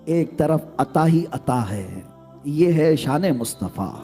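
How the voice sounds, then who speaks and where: A man's voice: lively intonation, warm tone, faint music behind. A man preaching a sermon as a story, passionate, pushing his voice up into exclamations and repeating key phrases. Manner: impassioned, surging into high exclamations and repeating phrases.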